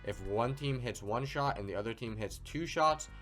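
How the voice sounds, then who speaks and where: A man hosting a gaming video in casual chat, teasing his teammate and loudly cheering on shots. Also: mid-range voice, moderate pace, faint music behind. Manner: excited, teasing, calls out shots. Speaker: gaming channel host.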